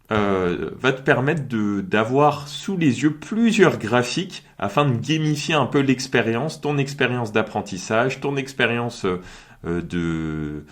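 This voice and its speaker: A man talking casually through a screen-share software tutorial, chatty and full of fillers and quick check-ins with the viewer. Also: mid-range voice. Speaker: magician and course creator.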